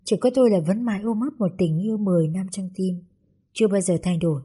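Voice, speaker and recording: Mellow, husky young woman narrating. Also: medium pitch, quick pace. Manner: calm, reflective storytelling. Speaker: audiobook narrator. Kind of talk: first-person story narration.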